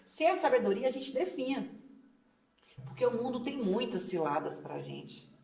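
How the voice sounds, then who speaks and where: Female devotional teacher, lively storyteller, echoey room, distant mic. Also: fairly high pitch, normal speed, vocal fry. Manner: storytelling, acts out quoted voices. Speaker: Bible study teacher. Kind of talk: casual devotional Bible teaching.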